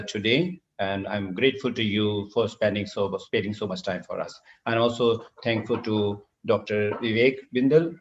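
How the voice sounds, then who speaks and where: A middle-aged man with a low voice delivers a formal surgical lecture, pausing often on filler sounds. His voice comes through a screen recording of an online session. The sound is dull and lo-fi, like call audio. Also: a little hiss or hum. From Assam, India. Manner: formal and hesitant, with frequent filler sounds and restarts. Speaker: surgeon giving a university lecture.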